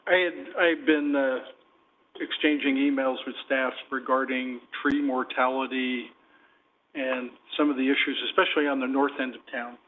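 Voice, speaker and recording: A man's voice: medium pitch, fairly even intonation, moderate pace. A man speaking as a council member, plain-spoken and frank. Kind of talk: council meeting remarks. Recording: tinny phone-like audio with faint noise.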